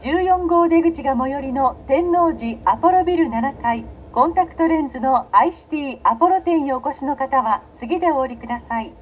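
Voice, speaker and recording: A woman's voice: high voice, moderate pace, few pauses, narrow, tinny audio, slight background noise. A woman reading formal, scripted station announcements as a subway announcer. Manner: formal, carefully phrased.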